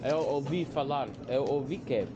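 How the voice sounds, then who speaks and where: Halting young man, English-accented Portuguese, very noisy. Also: mid-range voice, lo-fi sound. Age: young adult. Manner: halting, hesitant, repeats words. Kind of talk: casual chat, practising a new language. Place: small cafe, indoors. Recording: very noisy on-location camera audio. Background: cafe ambience noise.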